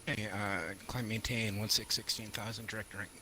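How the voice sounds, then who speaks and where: A man's voice: lowish voice, flat delivery, moderate pace, bright, forceful tone. A man speaking as a pilot over the radio, giving clipped, hesitant readbacks to air traffic control. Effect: aviation radio. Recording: noisy, distant radio transmission.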